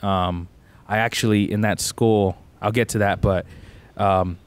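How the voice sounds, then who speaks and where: In a casual storytelling chat, a young Tucson, Arizona podcast co-host spins a loose, easygoing tale peppered with "bro." His clean, lowish voice stays fairly even in intonation, and he takes his time.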